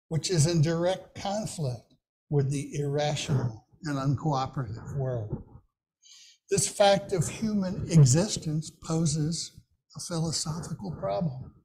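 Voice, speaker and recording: Minister in his sixties, slow measured sermon delivery, mellow voice, faint rumble behind. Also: poor audio. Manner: slow, measured reading from notes. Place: small church room, indoors.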